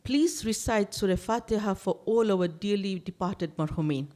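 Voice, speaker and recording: A woman raised in Tanzania, speaking as an election candidate to a room of elders. Her speech is forceful and insistent, and she builds long lists and repeats words to drive each point home. Her voice sits at an ordinary middle pitch. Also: moderate pace. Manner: emphatic, piles up lists and repeats words when stressing a point. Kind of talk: campaign speech to a seniors' gathering. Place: community main hall.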